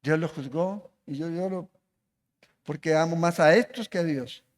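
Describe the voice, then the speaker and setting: A man's voice: fairly high pitch, unhurried. A man preaching a sermon as pastor, asking the congregation questions as he goes. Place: church hall. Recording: long reverb of a church hall.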